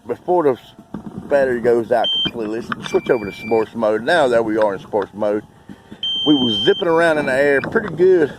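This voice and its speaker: Man, chatty and excitable, lively pitch, outdoors by a lake, wind buffeting the mic. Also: fairly quick. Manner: chatty, talks to his drone, excitable. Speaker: drone hobbyist vlogger. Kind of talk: casual outdoor vlog.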